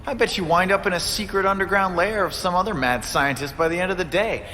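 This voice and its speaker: A man's voice: high-pitched, fast talker, sharp tone, a little hiss or hum. A man playing a wisecracking, eager and affectionate young superhero in a video game cutscene. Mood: playful, teasing. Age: young adult. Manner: quippy, playful. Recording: long reverb, music behind.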